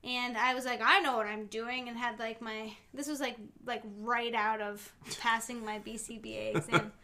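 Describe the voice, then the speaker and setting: Bright-voiced joking woman co-host. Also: fairly high pitch, little pitch movement, moderate pace, slight background noise. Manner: joking, self-deprecating. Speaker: podcast co-host, behavior analyst. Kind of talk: casual chat.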